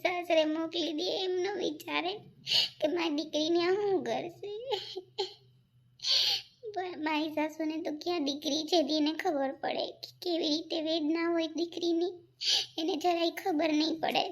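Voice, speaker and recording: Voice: steady tone, normal speed. A voice actor playing a homesick young married daughter in a cartoon, pleading and weepy. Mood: sad lament. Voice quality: very high, gravelly voice. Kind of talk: Gujarati cartoon voice acting.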